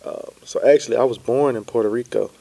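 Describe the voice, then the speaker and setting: Mellow young man telling his story. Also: mid-range voice, fast talker, gravelly. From Pensacola, Florida. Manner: easygoing, relaxed storytelling with many fillers. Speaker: podcast guest, entrepreneur. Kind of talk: casual interview chat.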